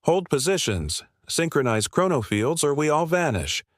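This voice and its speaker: A man's voice: a little high, big pitch swings, moderate pace, dry recording, studio quality, voice pushed up. A man voicing a stern woman fleet admiral who barks urgent commands in a sci-fi story. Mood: urgent commanding. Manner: barked commands.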